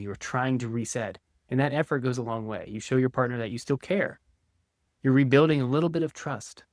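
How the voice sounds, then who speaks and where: A man, a couples counselor, calmly teaching step by step in a direct-to-camera video and acting out sample replies. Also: medium pitch, dry recording, clean studio sound. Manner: calm, instructive, acts out example replies.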